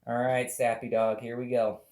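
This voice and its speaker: A man giving playful, excitable commentary on toy car races, with loud countdowns. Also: medium pitch, normal speed. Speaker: race commentator.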